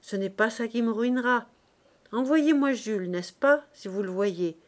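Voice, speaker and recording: A woman's voice: mid-range voice, a little slow, a little mellow, natural voice. A woman reading an audiobook, voicing a generous young fruit seller. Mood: cheerful.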